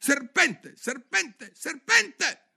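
A man voicing a shrill, anxious female pigeon guarding her eggs, screeching and indignant. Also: very animated, drawn-out words, gravelly, pushed and bright, heavily acted.

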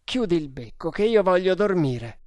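A woman's voice: low-pitched, normal speed, no echo, close to an everyday voice. A woman reading an adventure audiobook, voicing a determined young male hero with earnest resolve. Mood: resolute.

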